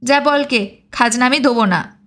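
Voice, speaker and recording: A woman's voice: a little high, a little slow, natural voice. A woman voicing a proud, hot-tempered village blacksmith who scolds indignantly in a storybook reading. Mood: angry.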